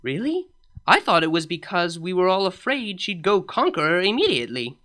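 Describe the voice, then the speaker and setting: Reading a fan story aloud, a woman voices a younger royal pony princess, a sarcastic mare and sister who teases dryly and speaks matter-of-factly. Her voice is fairly low, sing-song and a bit bright, at a normal speed.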